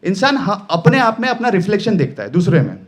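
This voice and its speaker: Male workshop trainer, high voice, emphatic and playful delivery. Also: fairly quick. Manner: animated, emphatic, playful teaching. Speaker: voice-over trainer. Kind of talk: live workshop lesson.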